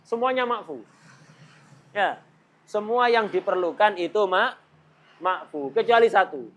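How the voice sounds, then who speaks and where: Jokey religious teacher. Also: male voice, high-pitched, animated, measured pace, fairly bright tone. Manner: jokey, laughs often, mimics chatter. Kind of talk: Islamic law lesson.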